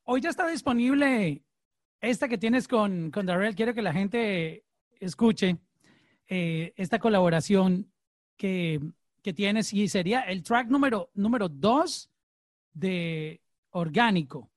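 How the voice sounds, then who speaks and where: High-voiced male podcast host, dry sound. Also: animated, takes it slowly, no echo. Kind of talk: casual interview hosting.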